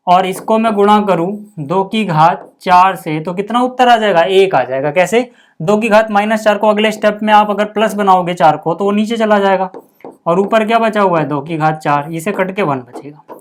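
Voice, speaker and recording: A man teaching a school maths lesson, patient and step by step, checking in often with the class. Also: sits high.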